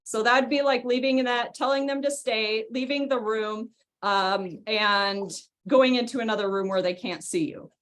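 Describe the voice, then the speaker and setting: A woman's voice: fairly high pitch, steady tone, normal speed, a bit bright. A young woman, a dog trainer, explaining stay exercises in a chatty way with frequent giggles, on a video call. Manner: chatty, giggly, gives short cues to a dog. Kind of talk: live online training demo.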